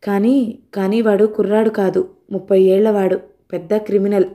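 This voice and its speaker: A woman voicing a weary middle-aged father who speaks slowly and quietly in an audio storybook. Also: mid-range voice, flat delivery, lightly acted. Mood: somber. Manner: slow, subdued.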